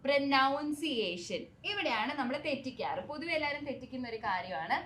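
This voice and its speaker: A young woman from Kerala hosting a bilingual language lesson, teaching English pronunciation and repeating words slowly and carefully to model them. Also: high-pitched, big pitch swings, fairly bright tone.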